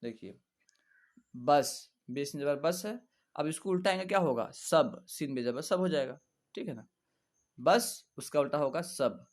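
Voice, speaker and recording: A man teaching an Urdu reading lesson, spelling out each syllable patiently and repeating words slowly for learners. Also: fairly high pitch, expressive.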